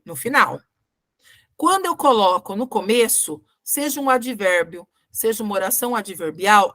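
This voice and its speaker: A woman's voice: on the high side, a bit bright, no room sound, studio quality. A Brazilian woman teaching a grammar lesson who goes step by step, reads example sentences aloud and often checks whether her students are following. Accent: Brazilian Portuguese. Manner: patient, explains step by step and checks understanding.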